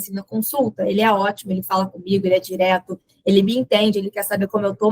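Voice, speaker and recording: Gravelly Brazilian young woman storyteller. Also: on the high side, no echo, poor audio. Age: young adult. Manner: lively retelling that acts out quoted dialogue, with laughs. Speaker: podcast guest. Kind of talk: personal storytelling in a podcast interview.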